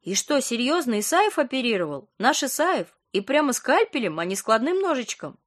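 A woman's voice: high-pitched, very animated, moderate pace, pitched above the performer's own voice. A woman reading an audiobook, voicing a sleepy young female friend who teases in a sardonic, grumpy way. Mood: teasing.

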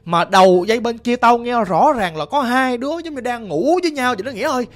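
A man's voice: very high voice, lively intonation, brisk, soft background music. Man playing an anxious young man, Southern Vietnamese accent, stammering, flustered. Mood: pleading.

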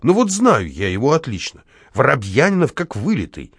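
A man voicing a boastful, ironic middle-aged male locksmith who shouts and sneers in an audiobook. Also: medium pitch, huge pitch swings, normal speed, slightly rough, no room sound, clean studio sound, voice pushed up, heavily acted.

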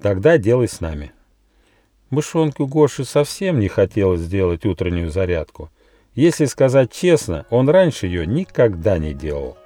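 A man, the author, reading his own fairy tale aloud as a lively, expressive audiobook narration. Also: lowish voice, moderate pace, no room sound. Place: recording studio.

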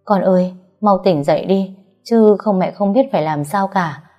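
A woman's voice: medium pitch, normal speed, lo-fi sound, soft background music, natural voice. A woman voicing a frightened middle-aged mother who pleads tearfully for her daughter. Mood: pleading. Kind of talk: audiobook character reading.

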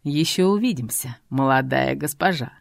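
A woman voicing a cold, menacing bearded male thug, speaking slowly and quietly with a low husky rasp. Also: lively intonation, dry recording, clean studio sound, exaggerated voice. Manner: slow, quiet, threatening.

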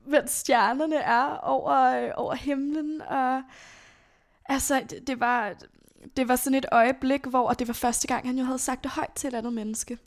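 A young woman telling a personal story as an interview guest, in a casual, halting way with many fillers and casual swearing. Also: high voice, steady tone. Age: young adult.

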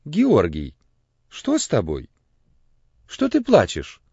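A gentle, clucking elderly priest, put on by a male audiobook reader. He frets in a fatherly way, with a lively, swinging pitch. The audio is dry and a little muffled. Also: measured pace, no echo. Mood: concerned. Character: kindly, fussing elderly male village priest.

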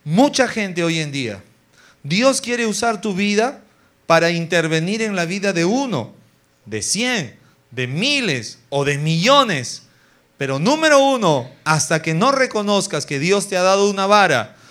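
A male pastor at a weekly church service with a notably high-pitched voice. He preaches in an animated way, acting out scenes and firing rhetorical questions at the congregation. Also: unhurried. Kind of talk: sermon.

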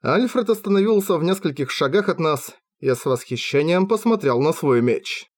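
A man narrating a fantasy audiobook in the first person, with lively storytelling on a close mic. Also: on the high side, moderate pace. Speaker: audiobook reader.

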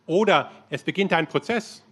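A man interpreting a sermon live, translating quickly with frequent filler sounds. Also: high voice, a bit bright. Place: church hall.

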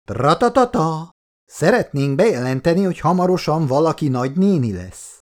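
A man's voice: a little high, sing-song, darkish tone, pitched above the performer's own voice. A man reading an audiobook, voicing a cheerful young man who announces things in a playfully formal way.

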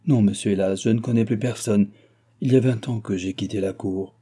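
A hesitant, deferential old woman of the court, as a male reader puts her on, slightly lifted from his very dark, mellow voice. She speaks low and careful in a storybook reading. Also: steady tone, fairly quick, husky. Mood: timid. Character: timid elderly female litigant.

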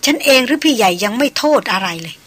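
Woman doing gentle lady doctor, soft and soothing, bright voice, audiobook. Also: a little high, expressive, quick pace, breathy edge. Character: gentle, composed female doctor, soothing friend.

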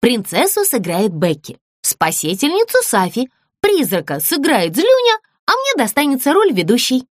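A woman's voice: high voice, wildly swooping pitch, normal speed, no echo, clean studio sound, full character voice. A woman voicing a serious, strict girl doll who runs the rehearsal, firm and commanding.

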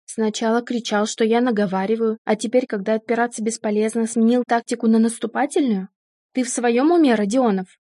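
A woman's voice: on the high side, fairly even intonation, fairly quick, dark tone, dry recording, clean studio sound, close to an everyday voice. A woman reading the lines of an angry, sarcastic wife confronting her cheating husband, in an audiobook. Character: betrayed wife, adult woman, furious and sharp-tongued.

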